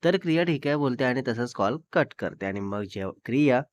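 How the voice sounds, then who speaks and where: A man's voice: medium pitch, brisk, dry recording. Man casually narrating a couple's story. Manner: chatty, relaxed retelling. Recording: dull lo-fi dry recording.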